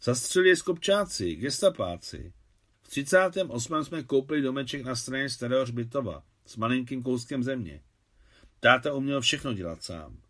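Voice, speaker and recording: A man's voice: mid-range voice, animated, fairly bright tone. A man reading as a shy, candid young woman. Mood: somber. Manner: plain, artless.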